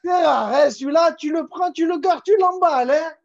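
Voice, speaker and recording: A loud, chummy bloke with a thick comic lilt, as a man puts him on, sing-song and emphatic, tagging "hein" onto everything. The voice sits high, and the sound is dull and lo-fi. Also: moderate pace, creaky. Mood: hammy.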